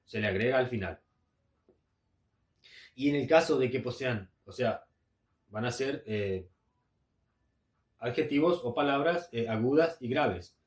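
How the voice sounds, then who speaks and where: A man from Argentina teaching an English grammar lesson, hesitant and repeating himself often, with frequent filler sounds. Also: mid-range voice. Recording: echoey room.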